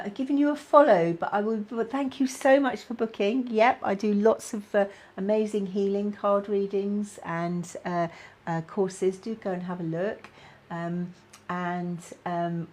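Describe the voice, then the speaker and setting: British lady, middle aged, chatting on a live stream, lots of ums, mid pitch voice. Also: a little mellow. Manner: chatty, many fillers, reads out viewer comments. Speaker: spiritual guidance host. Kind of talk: casual live-stream chat.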